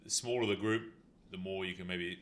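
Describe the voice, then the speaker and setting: A fitness talk show host who specializes in injury rehab speaks in a low, steady, fairly bright voice at a brisk pace. He explains things in a rambling, casual chat, packed with "you know" fillers.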